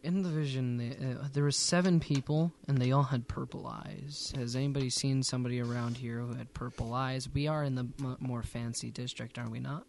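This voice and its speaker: A man's voice: medium pitch, steady tone, a little fast, vocal fry, few pauses, darkish tone, a little hiss or hum. A man speaking hesitantly as a player in a casual tabletop game, often restarting his sentences.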